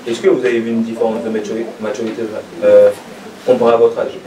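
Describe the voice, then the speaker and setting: A man's voice: mid-range voice, flat delivery, quick pace. Male student asking from a noisy class. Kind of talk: classroom question. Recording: echoey classroom, far mic, crowd.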